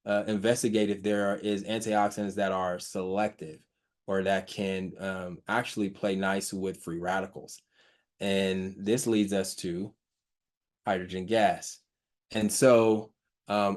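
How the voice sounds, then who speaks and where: Guy with a lowish voice going thru slides, stutters a lot, lots of um and uh. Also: darkish tone. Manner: halting, many fillers and restarts, says he stutters. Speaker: presenter on hydrogen health research. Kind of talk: informal slide talk, reading research quotes.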